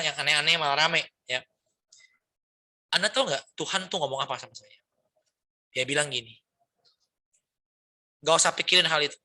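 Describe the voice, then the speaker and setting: A middle-aged male pastor preaching in a loose, conversational way, often tagging his sentences with quick checks to the crowd and dropping in English words. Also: a little high, pushed and bright. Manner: chatty, peppers speech with tag questions and English words. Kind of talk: conversational sermon.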